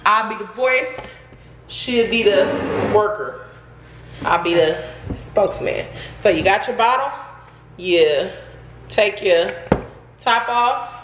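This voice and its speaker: A woman chatting casually as she explains a home how-to while filming on a phone in a kitchen, talking nervously and excitably. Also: mid-range voice, takes it slowly, long pauses. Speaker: vlogger, narrator of the demo. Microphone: handheld phone camera. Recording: echoey kitchen, faint noise.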